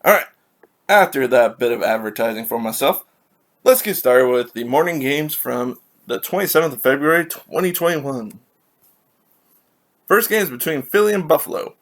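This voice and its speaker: A Californian man hosts a casual solo hockey recap, rambling and correcting himself as he reads out scores and stats. Allergies leave him a little raspy. His mid-range voice is animated, and he speaks at a moderate pace.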